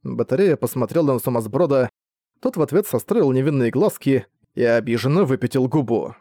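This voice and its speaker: A man narrating a novel in a steady, plain reading voice, recorded close to the mic. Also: mid-range voice, fairly quick, no echo. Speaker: audiobook narrator. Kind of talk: scripted narration.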